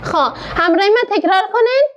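A woman with an Afghan Dari accent teaching a literacy class. She sounds out words slowly, syllable by syllable, and keeps asking the class questions. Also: very high voice, animated, muffled recording, noisy background. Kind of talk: classroom lesson.

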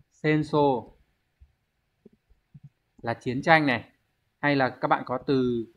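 A Japanese teacher, male, with a slightly high and somewhat bright voice, runs an online exam review lesson. He explains how words are read and checks in with the class by posing rhetorical questions.

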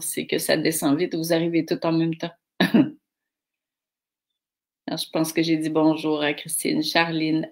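A middle-aged woman with a Québécois French accent speaks slowly and unhurriedly, her voice sitting a little low. She hosts a casual live stream, reading viewers' comments aloud and greeting each one by name. She talks through a computer mic. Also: vocal fry. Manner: slow, warm greetings read from comments.

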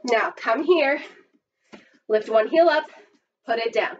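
A woman's voice: fairly high pitch, slow pace, a little hiss or hum. A woman in her thirties working as an aerobics instructor, cueing an exercise class with counts and short commands. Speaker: aerobics instructor leading a barre workout. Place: carpeted indoor playroom at home. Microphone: far camera microphone. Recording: muffled, distant camera microphone.

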